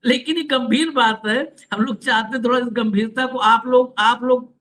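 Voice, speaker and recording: A man's voice: very high-pitched, fairly even intonation, moderate pace, pushed and bright. A man hosting a political talk show, sarcastic, with mocking asides.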